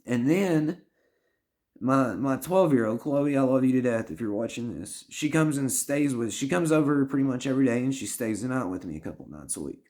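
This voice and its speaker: A man's voice: mid-range voice, lively intonation, moderate pace, darkish tone. A man in his thirties talking straight to camera, earnest and rambling, often swearing and restarting his sentences as he gives life advice. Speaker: vlogger giving life advice. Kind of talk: heartfelt personal monologue.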